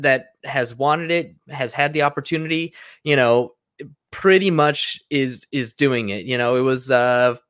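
A man's voice: medium pitch, fairly bright tone. A man in a casual debate, talking earnestly and persuasively with many fillers. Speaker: conversation partner.

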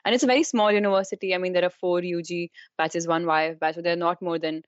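A woman's voice: on the low side, steady tone, quick pace, clear, resonant tone. A young woman from Kashmir with a Kashmiri Indian accent, chatting informally as an interview guest and peppering her talk with "like" and "you know". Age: young adult. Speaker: interview guest, university student. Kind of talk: casual conversational interview. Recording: dull, roomy, echoey sound.

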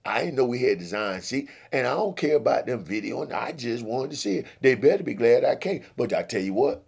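A man's voice: mid-range voice, expressive, fairly quick, vocal fry, husky, voice pushed up. A man voicing a stubborn, hot-tempered grown man who keeps repeating himself defiantly.

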